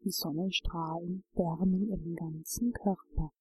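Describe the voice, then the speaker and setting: Slow, soothing woman guiding relaxation. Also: on the low side, breathy edge, rough recording. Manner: slow, calm, soothing instructions. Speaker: relaxation guide. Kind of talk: guided meditation narration.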